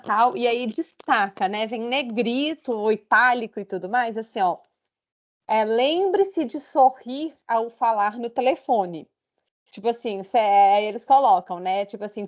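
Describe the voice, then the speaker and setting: A woman's voice: medium pitch, muffled recording. A woman, a clinic trainer asking a question in a roundabout way, full of fillers. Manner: roundabout, leaning on "né" and "tipo assim". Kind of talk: conversational question.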